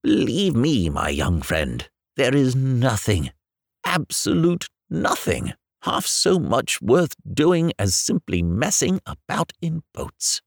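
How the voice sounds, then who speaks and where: A man's voice: high-pitched, wildly swooping pitch, moderate pace, vocal fry, no echo, clean studio sound, pitched above the performer's own voice, exaggerated voice. A man voicing a cheerful, dreamy male water rat who loves boats, in a sing-song, easygoing storybook reading.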